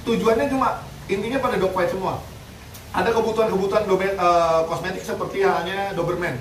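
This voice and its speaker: A man's voice: high-pitched, fairly even intonation, brisk. A man chatting casually, giving blunt, joking advice on dog training and care. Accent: Indonesian. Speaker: dog rescue activist. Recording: roomy, distant mic, faint noise.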